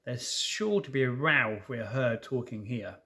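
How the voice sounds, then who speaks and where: Man acting a timid, hushed little girl. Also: mid-range voice, unhurried, voice pushed down. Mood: anxious.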